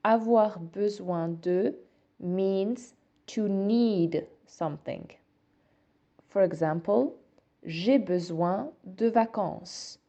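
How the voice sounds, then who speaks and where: A woman narrating a scripted language lesson as a teacher, speaking slowly and clearly articulated. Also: medium pitch, warm tone, dull audio. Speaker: French teacher.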